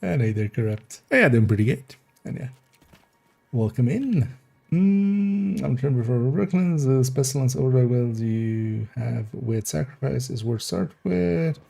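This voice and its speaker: A man streaming a game, chatting casually in a rambling, relaxed way and laughing often. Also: medium pitch, unhurried, creaky, faint music behind. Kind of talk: casual gameplay livestream chat.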